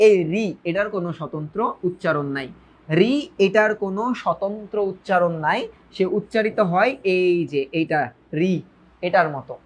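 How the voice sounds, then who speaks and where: A man's voice: sits high, normal speed. A male tutor teaches a grammar lesson to his students. He often repeats his phrases and puts questions to his listeners. English words slip into his talk. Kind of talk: online lecture.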